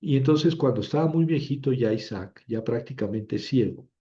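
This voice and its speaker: A male lecturer talks through a history class in a loose, conversational way. He keeps stopping to correct himself and fills pauses with small hesitations. His voice sits in the middle of the range and has a dark, mellow tone, and the recording sounds dull and lo-fi. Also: medium pitch, expressive. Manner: chatty, full of fillers and self-corrections. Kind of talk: informal lecture, retelling stories.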